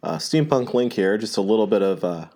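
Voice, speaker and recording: A man hosting a podcast, speaking hesitantly with many filler pauses over a low-quality recording while recovering from illness. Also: expressive, warm tone. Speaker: podcast host. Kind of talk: casual spoken announcement.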